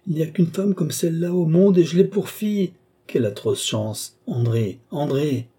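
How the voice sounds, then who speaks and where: A man voicing an irascible aging nobleman scolding his daughter in an exasperated, sharp manner. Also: mid-range voice, expressive, normal speed, breathy edge.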